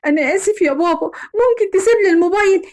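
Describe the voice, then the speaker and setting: A woman's voice: extremely high pitch, very fast, a little mellow, voice pushed up. A woman with an Egyptian accent voicing a sneaky schoolboy obsessed with a video game.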